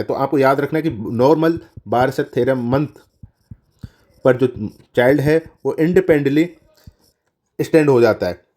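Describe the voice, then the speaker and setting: A man's voice: on the high side, a little mellow. A man teaching nursing exam questions in a lecture, addressing students as children, repeating key answers and correcting himself as he goes. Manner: mixes English terms into Hindi explanation.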